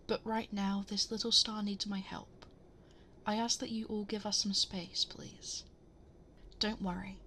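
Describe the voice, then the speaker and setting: Gentle, ageless space princess played by a woman, motherly and reassuring, mid-range, breathy near-whisper for bedtime ASMR, close-miked over clear background ambience. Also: mid-range voice, level tone, measured pace, a little hiss or hum. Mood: soothing, reassuring. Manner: soothing, tender, reassuring, often breathy half-whisper. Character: gentle, motherly ageless cosmic princess, comforting a lost child. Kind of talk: ASMR bedtime story roleplay. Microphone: close binaural 3Dio microphone.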